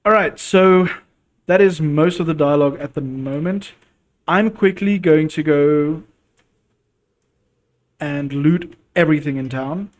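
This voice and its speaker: A man's voice: fairly high pitch, a little slow, pauses often. A man hosting a let's play, talking in a chatty, casual way with fillers and laughs. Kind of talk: casual game commentary.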